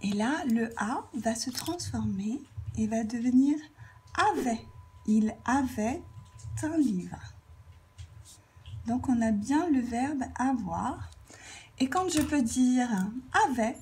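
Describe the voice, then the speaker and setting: A woman teaching a grammar lesson, explaining slowly and carefully while she writes out examples. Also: fairly high pitch, dark tone, a little hiss or hum. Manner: slow, careful dictation, writing while talking.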